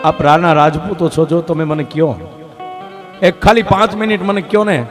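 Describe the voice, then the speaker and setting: A male storyteller voices a poor, humble nomad man who pleads softly and tearfully, with plucked strings behind. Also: on the high side, normal speed, close to an everyday voice. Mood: pleading. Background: plucked string music.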